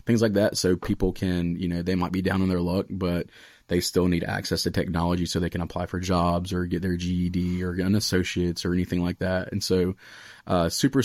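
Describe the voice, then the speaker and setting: A deep, slightly mellow male voice, recorded cleanly in a studio with no echo. He's an American in his late twenties from the Raleigh area, a podcast host and student pastor who talks casually and earnestly, dropping lots of "like" and "you know."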